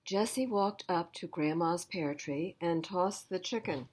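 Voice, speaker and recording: A library storytime reader reads a picture book aloud, speaking emphatically and directly to young listeners, with asides woven into the storytelling. Her voice is fairly low and a little mellow, and she keeps a measured pace.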